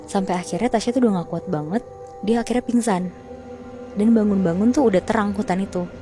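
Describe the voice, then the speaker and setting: Woman telling a ghost story to a friend, casual slangy chat, soft music behind. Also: mid-range voice, fairly quick. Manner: chatty, slangy, keeps addressing her listener. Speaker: horror story narrator.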